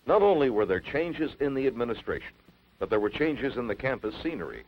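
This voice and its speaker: A man narrating an old newsreel in a measured, announcing delivery. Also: medium pitch, sing-song, darkish tone, a little hiss or hum, poor audio.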